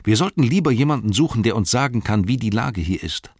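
A man's voice: medium pitch, lively intonation, quick pace, darkish tone, husky, no echo, clean studio sound, pitched above the performer's own voice. A man voicing a clever male hobbit who talks firmly with mocking politeness. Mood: cool.

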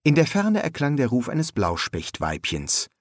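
A man's voice: mid-range voice, huge pitch swings, a little slow, no room sound. A man reading an audiobook with a dry, ironic storytelling manner. His voice moves up and down a lot. The sound is dry and close. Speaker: audiobook narrator. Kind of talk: scripted narration.

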